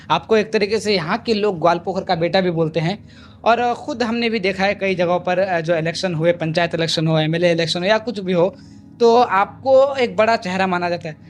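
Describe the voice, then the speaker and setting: Interviewer guy, high voice, says sir a lot, lots of uh's, faint music in back. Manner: polite, addresses guest as sir, many hesitations. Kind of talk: interview questions.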